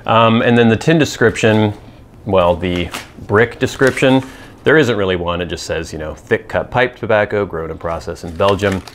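Slight background noise sits under this low-leaning male voice, which moves at a moderate pace. The speaker is a man in his thirties who reviews pipe tobacco to camera, informal and matter-of-fact, explaining details as he goes. He's in a small indoor room with a cloth backdrop, on a lapel mic.

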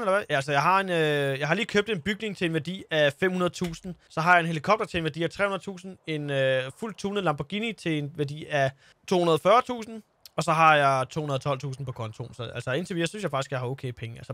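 Boisterous high-voiced man role-playing. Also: a bit bright, no echo. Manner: boisterous and chatty, with frequent laughs and mild swearing. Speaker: game streamer role-playing a bus driver. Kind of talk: casual in-character role-play chat.

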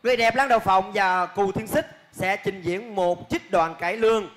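A man's voice: high-pitched, moderate pace. A man with a Southern Vietnamese accent emceeing a lô tô show, teasing and bantering theatrically on a stage mic. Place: outdoor lô tô stage. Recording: echoey stage sound with loud music.

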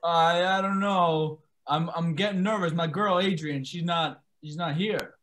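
A man's voice: fairly high pitch, a bit bright. An improv performer playing a nervous, mumbling boxer who stammers and stumbles over his words in a comedy scene. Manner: stammering, halting.

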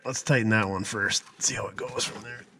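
Joking low-voiced mechanic in a garage. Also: male voice, steady tone, brisk, fairly bright tone, slight background noise. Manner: joking, self-mocking, muttering to himself while working. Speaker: mechanic, channel host. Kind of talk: casual first-person workshop narration.

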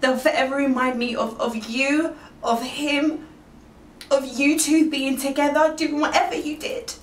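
A woman's voice: high-pitched, fairly even intonation, a little slow, a little hiss or hum. An actress playing a betrayed young woman who bitterly accuses her best friend in a dramatic monologue. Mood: anguished. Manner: accusing, bitter, sarcastic questions. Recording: roomy, distant mic, faint ambience.

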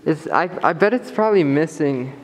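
Walking an abandoned missile base both inside and outside, a young man casually narrates his exploring vlog on a handheld camera, describing his discoveries. His fairly high voice is animated at a normal speed, and the recording quality is rough.

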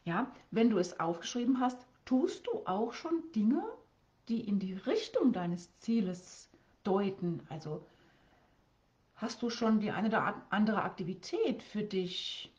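A woman's voice: mid-range voice, highs cut off. A woman speaking as a life coach on a live stream, asking viewers lots of questions and often repeating words and restarting her sentences.

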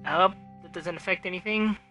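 A man's voice: high voice, a little fast, bright, forceful tone, soft background music. A man giving musing, reactive commentary while playing a video game. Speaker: let's play gamer. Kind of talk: gameplay commentary.

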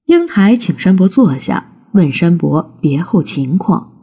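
Brief: woman narrating a folk storybook, slow and lively in pitch, mellow husky tone. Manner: slow, expressive reading.

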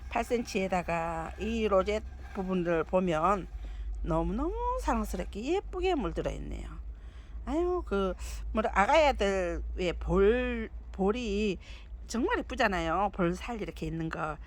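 A woman's voice: medium pitch, animated, measured pace. A woman presenting succulents for sale, counting off lot numbers, sizes and prices in a chatty, doting way. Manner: chatty, doting, calls plants "아이". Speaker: succulent seller. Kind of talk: live sales presentation.

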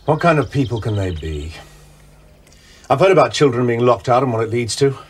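An actor playing an earnest man who is quick to indignation. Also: mid-range voice, expressive, husky. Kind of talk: period TV drama acting.

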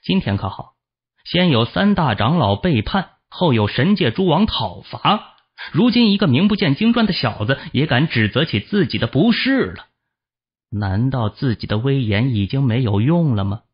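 A man narrating a fantasy novel as an audiobook, with expressive storytelling, in a dull lo-fi recording. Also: medium pitch, normal speed, husky.

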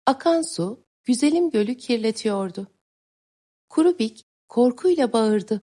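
A woman teacher reading a story aloud to young pupils in a clear, expressive way. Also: fairly high pitch, unhurried. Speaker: teacher reading a listening text. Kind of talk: children's story narration.

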